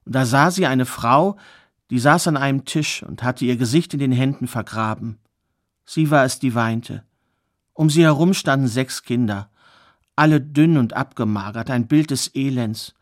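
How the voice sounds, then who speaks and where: A man's voice: medium pitch, normal speed. Man telling a fairy tale. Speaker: storyteller. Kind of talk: oral fairy tale storytelling.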